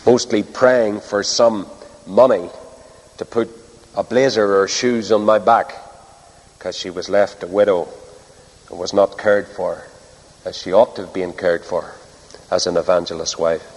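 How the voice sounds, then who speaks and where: A middle-aged man with a Northern Irish accent preaching a sermon earnestly, with rhetorical repetition and dramatic pauses. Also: low voice, fairly even intonation, a little mellow. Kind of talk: sermon to a congregation. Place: large hall or church, speaking to a live audience. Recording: long reverb of a large hall.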